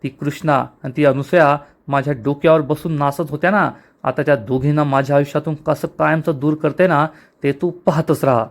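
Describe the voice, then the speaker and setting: A man reading the lines of a menacing older woman villain who hushes her accomplice. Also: on the high side, steady tone, normal speed, close to an everyday voice.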